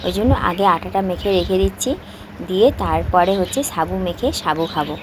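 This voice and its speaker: A woman's voice: lowish voice, fairly quick, heavy background noise. A housewife vlogging from home, chatting casually and straight to her viewers while recording on a handheld phone. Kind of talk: casual vlog chat to viewers. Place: at home, indoors.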